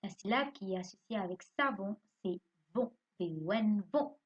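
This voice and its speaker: This primary school teacher speaks at medium pitch with an animated, husky voice and a moderate pace, while the high frequencies are cut off. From home, she spells words letter by letter for young pupils, poses quiz questions, and then answers them herself.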